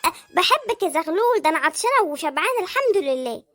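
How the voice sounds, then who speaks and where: Squeaky egyptian cartoon mistress, chipmunk-fast voice, coy and pushy. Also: very animated, fairly bright tone, heavily acted. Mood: coy demanding. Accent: Egyptian Arabic. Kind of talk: comic cartoon dialogue.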